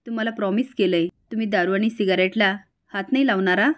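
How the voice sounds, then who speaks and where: A woman's voice: mid-range voice, fairly quick, natural voice. A woman voicing a tender young woman in love, saying a tearful goodbye in a retold TV serial.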